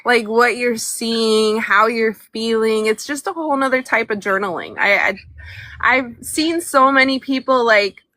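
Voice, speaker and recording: Woman, high voice, very bright, enthusiastic, laughing, phone video call. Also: measured pace, low-quality recording. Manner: bubbly, enthusiastic, laughs often. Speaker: guest artist. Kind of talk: casual video-call chat. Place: moving from indoors to outdoors.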